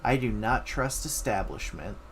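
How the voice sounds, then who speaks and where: Slow, exasperated man doing reaction commentary. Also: lowish voice, lively intonation, slight background noise. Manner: profane, hyperbolic, exasperated, sardonic. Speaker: streamer reacting to a video.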